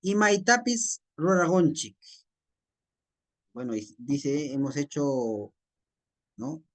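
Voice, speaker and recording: A man with a Peruvian Spanish accent teaching a class, explaining a text slowly and checking in with his students. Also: a little high, expressive. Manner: slow, repetitive teacher talk with frequent tag questions.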